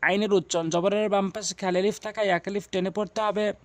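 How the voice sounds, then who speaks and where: A man teaching Quran reading, explaining letter sounds and repeating syllable drills at a measured pace. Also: high voice, level tone, dry recording.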